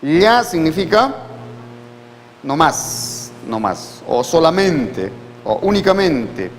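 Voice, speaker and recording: Slow, patient man teaching a class. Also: fairly high pitch, very animated, long reverb tail, faint music behind, low-quality recording. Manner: slow, patient, repeats words and checks with students. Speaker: quechua language teacher. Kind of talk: classroom lecture.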